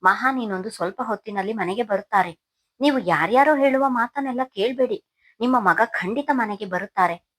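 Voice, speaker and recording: A woman's voice: on the high side, brisk, a bit bright. A woman voicing a young wife who pleads and stammers in desperate denial, in a storybook narration.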